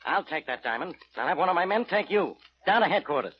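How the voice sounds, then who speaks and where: Gloating, animated police inspector played by an actor. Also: male voice, fairly high pitch, fast talker, natural voice. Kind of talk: old-time radio drama acting. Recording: muffled old radio recording, faint noise.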